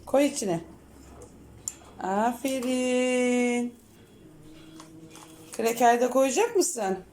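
Woman, mother to a toddler, slow and singsong, gently scolding. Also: a little high, animated, slight background noise. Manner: coaxing, praising and scolding gently. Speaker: mother playing with her toddler. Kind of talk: home video talk to a small child.

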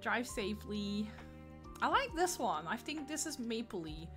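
A woman's voice: a little high, sing-song, a little slow, music in the background. A woman with a Dutch accent chatting casually on a gaming livestream, giggling often and greeting viewers by name.

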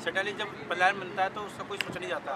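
A man's voice: high voice, flat delivery, fast, background noise. A man vlogging with friends outdoors at night, talking in an earnest, rambling way and sometimes acting as a playful mock reporter. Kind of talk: casual chat with friends. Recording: background music playing.

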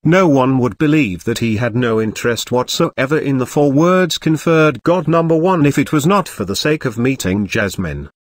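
A man narrating a fantasy audio novel in a steady, even reading voice. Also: medium pitch, moderate pace, hardly any pauses, dry recording, studio quality. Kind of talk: scripted narration.

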